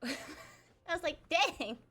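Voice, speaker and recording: A woman's voice: medium pitch, lively intonation, normal speed. A young adult woman chatting casually while she streams a video game, rambling and self-deprecating as she talks. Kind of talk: casual gameplay chat.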